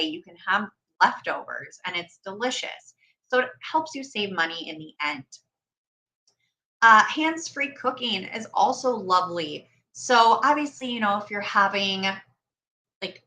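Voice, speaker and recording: An upbeat woman hosts a relaxed solo chat, her voice bright and forward. She talks in a friendly, rambling way, with plenty of fillers along the way. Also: mid-range voice. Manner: chatty, upbeat, many fillers. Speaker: podcast host.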